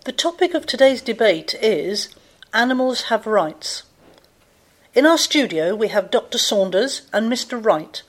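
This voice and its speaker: A woman's voice: fairly high pitch, big pitch swings, measured pace. A woman playing a formal studio moderator, delivering a scripted debate introduction. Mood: formal, polite. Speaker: debate host.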